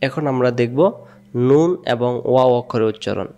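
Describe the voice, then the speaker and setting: A man's voice: medium pitch, moderate pace, mellow. A man with a Bangladeshi Bengali accent teaching Quran reading, spelling out syllables and repeating each one several times, and asking quiz questions that he answers himself. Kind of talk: slow spelled-out recitation lesson.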